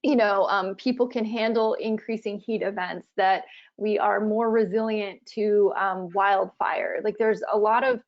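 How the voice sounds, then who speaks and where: A woman's voice: medium pitch, fairly even intonation, unhurried. A woman answering as a webinar panelist in a conversational way, with frequent fillers like "you know". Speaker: webinar panelist from a climate research program. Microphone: video call with poor audio. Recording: dull lo-fi video call audio.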